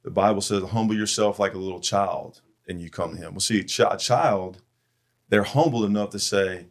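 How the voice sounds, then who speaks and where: A man's voice: on the low side, moderate pace. A middle-aged man hosting a church men's podcast, telling stories in an earnest, heartfelt way. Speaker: podcast host.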